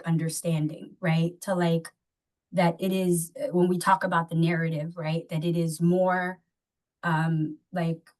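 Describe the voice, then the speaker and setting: Woman host from somalia, lowish voice, rambles and searches for words, lots of likes. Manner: rambling, searching, heavy use of "like" and "you know". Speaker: podcast host. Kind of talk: conversational interview.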